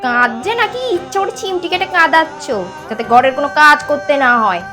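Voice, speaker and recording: A middle-aged woman playing a sharp-tongued mother-in-law in a comedy sketch, bossy and scolding. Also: sits high, lively intonation, a little fast, music in the background. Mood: scornful.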